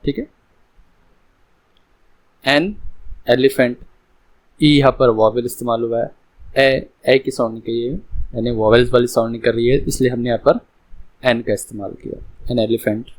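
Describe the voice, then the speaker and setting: A man teaching English grammar in a lesson, explaining slowly and repeating each example. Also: medium pitch, steady tone, poor audio.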